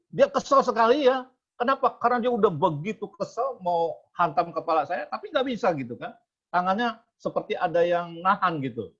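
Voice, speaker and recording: A man giving a testimony at a prayer meeting, telling a story in a lively way and asking his listeners questions. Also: sits high, slightly rough, dull audio. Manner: lively storyteller who asks the audience rhetorical questions.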